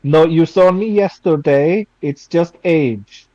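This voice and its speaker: A man's voice: on the high side, slow pace, mellow, dry recording, muffled recording. A man playing a tabletop game, jokey and bantering in character. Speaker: player.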